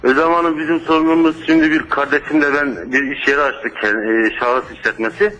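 A man's voice: a little high, steady tone, fairly quick, sharp tone, lo-fi sound, soft background music. A polite man in his twenties from eastern Turkey, asking for advice over the phone. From Erzurum region, Turkey. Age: 20s. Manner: polite, respectful. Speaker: caller, small business owner. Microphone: telephone.

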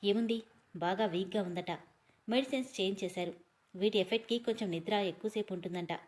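A woman's voice: medium pitch, brisk, a little mellow, natural voice. Woman voicing a curt young businessman, bossy, firm, storybook reading.

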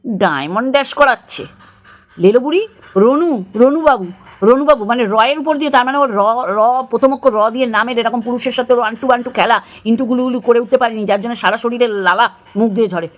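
A woman's voice: fairly high pitch, fast. A woman vlogger delivering an angry, scornful commentary rant full of abusive, disgusted outbursts.

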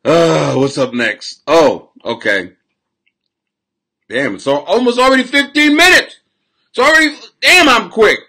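A man in his forties ranting loudly on a live stream from a small room at home, recorded by a webcam at his desk, crude, laughing, swinging from shouting to mumbling. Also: on the high side, expressive, unhurried. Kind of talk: rambling live-stream comedy rant.

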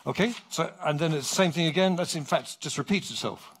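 Middle-aged guy giving a lecture on stage, reads from notes, kinda high voice. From England. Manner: animated, clear and measured. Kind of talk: public lecture, reading from a script. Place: dark theatre stage.

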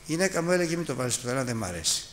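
A man's voice: medium pitch, very animated, slight background noise. A middle-aged man preaching a Bible lesson to his congregation. He tells a personal story, then urges his listeners directly. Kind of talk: Bible teaching sermon.

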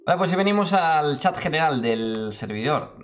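A man's voice: fairly high pitch, lively intonation, moderate pace, lo-fi sound. Chatty man with faint music. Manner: chatty, self-interrupting, many "¿vale?". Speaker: tutorial youtuber. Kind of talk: casual screen-recorded tutorial.

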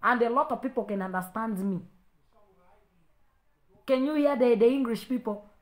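A woman's voice: fairly high pitch, normal speed. Fiery woman preacher scolding, roomy echo. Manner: repeats and stumbles in heated bursts. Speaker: preacher and ministry leader. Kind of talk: livestream preaching rebuke to commenters.

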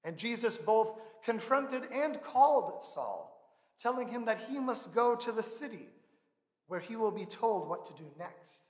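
A man in his thirties preaching a sermon from a church pulpit, measured and earnest, leaning on slow emphatic stresses. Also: extremely high pitch, big pitch swings. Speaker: pastor. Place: large church sanctuary, indoors. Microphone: pulpit microphone. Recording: echoey church with long reverb.

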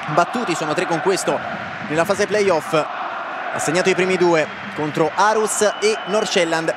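A young man giving excited live football commentary with an animated, raised voice. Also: a little high, very noisy. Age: young adult. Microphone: headset microphone.

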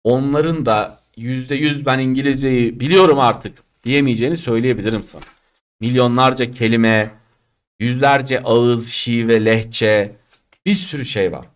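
A man's voice: medium pitch, moderate pace. A man teaching an online English class, chatty and direct, acting out quoted speech and regional ways of talking. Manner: lively, chatty, direct, addresses students as friends; acts out quoted speech and regional Turkish dialects.

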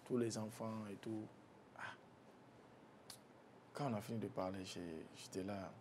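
The man, interviewed as a guest, tells of a painful episode in his family, speaking softly and stopping to restart his sentences again and again. His tone holds steady but falls low in the most grief-laden moments, and a faint rumble lies under the recording.

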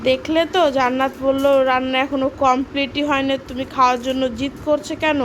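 A woman's voice: high voice, level tone, a little fast, noisy background. A woman chatting playfully with a small child as a playmate, coaxing and repeating her questions. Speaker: adult playmate hosting a child's video.

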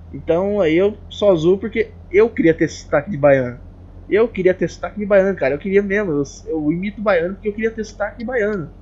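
Excitable joking young Brazilian man. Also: high voice. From Paraná, Brazil. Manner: excitable, joking, swears freely. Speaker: gaming YouTuber. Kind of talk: casual gameplay chat. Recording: dull lo-fi recording.

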